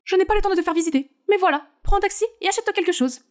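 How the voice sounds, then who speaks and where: Woman doing an icy bossy mom-manager, high voice, snaps orders fast. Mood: commanding. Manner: curt and commanding. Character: strict cold mother and manager, bossy.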